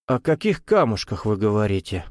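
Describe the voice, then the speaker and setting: A man voicing a nervous, cornered gentleman swindler who talks tensely and defensively. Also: lowish voice, sing-song, brisk, dry recording, clean studio sound.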